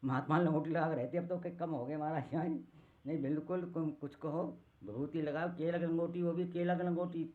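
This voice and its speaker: Brief: old male katha preacher in his 80s, slightly high voice, tinny narrow-band recording. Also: fairly even intonation. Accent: Hindi, north Indian. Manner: chants verses slowly, acts out quoted women. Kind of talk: devotional discourse with sung verses.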